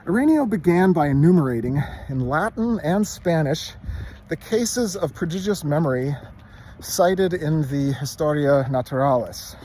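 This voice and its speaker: A man with a somewhat higher-pitched voice recites literary prose by rote. He delivers it from memory in short, measured phrases. A light layer of ambient noise sits behind the voice. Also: mellow, low-quality recording.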